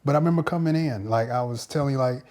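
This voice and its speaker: A male pastor shares his personal faith testimony, speaking reflectively and haltingly and often repeating words as he searches for the right ones. His voice is medium in pitch and a little mellow.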